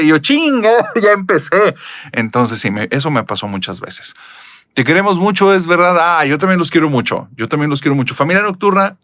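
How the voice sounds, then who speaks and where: A man from Nuevo León with a Monterrey accent, chatting expressively as a channel host while reading viewer comments. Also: dry recording. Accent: Northern Mexican (Monterrey). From Mexico, Nuevo León. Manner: expressive, chatty, lively pitch jumps.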